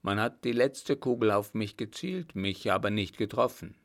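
A man voicing a gracious, commanding emperor who speaks in a measured, formal way in a storybook. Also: fairly low pitch, lightly acted. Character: commanding older male emperor, calm and gracious.

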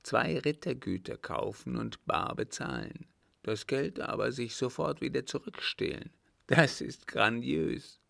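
A man's voice: mid-range voice, animated, a little slow, gravelly, a bit bright, no room sound, studio quality, pitched above the performer's own voice, heavily acted. A man doing a sly, smug aristocratic count. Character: sly aristocratic male count, scheming accomplice. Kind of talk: audiobook character voice.

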